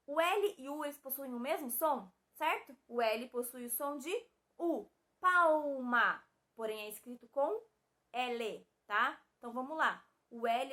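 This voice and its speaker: A young woman teacher with a Brazilian Portuguese accent and a high, bright voice. She explains the lesson patiently, one step at a time. She keeps checking that the students are following. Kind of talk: recorded video class.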